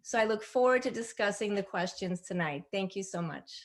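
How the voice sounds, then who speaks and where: A woman from Colombia, a candidate, giving a brisk and self-assured opening statement at a forum. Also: medium pitch, animated. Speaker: political candidate.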